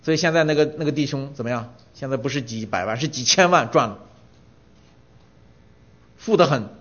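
A man's voice: medium pitch, a little fast. A middle-aged man preaching a sermon, telling stories with many rhetorical questions and rising to emphatic peaks. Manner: animated storytelling, rhetorical questions, voice swells when emphatic. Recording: dull lo-fi sound.

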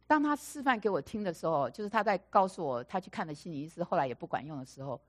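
Woman preacher, somewhat low voice, animated storytelling delivery with emphatic repetition. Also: quick pace. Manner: animated storyteller, acting out quoted dialogue; repeats phrases for emphasis. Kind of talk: storytelling sermon.

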